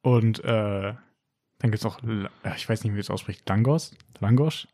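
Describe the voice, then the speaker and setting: Young man, mellow dark tone, dry close sound, casual colloquial storytelling. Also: lowish voice, little pitch movement, normal speed, no echo. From Germany. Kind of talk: casual chat.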